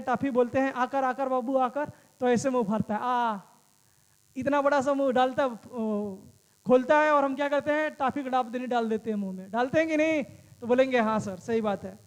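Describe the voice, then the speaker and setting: A man's voice: very high-pitched, big-room sound. A male teacher giving an exam-prep lesson, asking the class questions and answering them himself, and calling the students friends.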